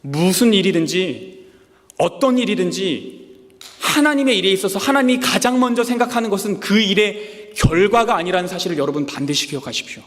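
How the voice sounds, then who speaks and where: A man preaching a sermon as a pastor, animated, often acting out quoted lines in a raised voice. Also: brisk. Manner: animated preaching, acting out God's words with rising pitch. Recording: long hall reverb.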